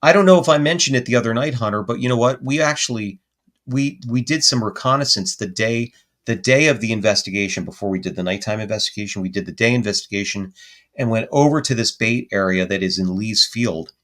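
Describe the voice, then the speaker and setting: Brisk and lowish in voice, this man is a guest paranormal investigator on a podcast. He tells his story in an animated, digressive way, correcting himself as it unfolds.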